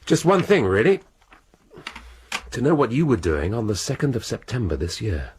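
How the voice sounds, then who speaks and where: An actor playing a dry, probing police inspector in a radio drama. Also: male voice, medium pitch, very animated, slight background noise, close to an everyday voice. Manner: dry, probing, unhurried questioning. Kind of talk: BBC radio drama acting.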